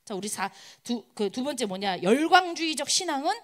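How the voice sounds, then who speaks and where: Animated woman preaching a sermon. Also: high voice, moderate pace. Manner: keeps asking the listeners rhetorical questions; animated, acts out quoted crowds. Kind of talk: sermon to college students.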